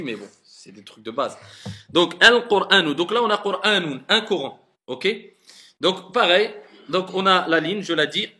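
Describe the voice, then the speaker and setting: A man teaching Arabic reading in a classroom, patiently modeling pronunciation by slowly drawing out words and encouraging students. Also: a little high, bright, forceful tone.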